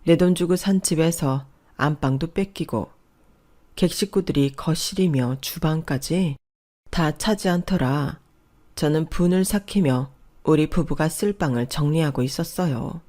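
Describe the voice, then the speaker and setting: A woman calmly narrating a scripted first-person story. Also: sits low, a little slow.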